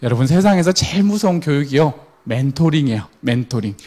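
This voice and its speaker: A middle-aged man giving a lecture to parents, animated, acting out quoted parents and children. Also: a little high, a little fast.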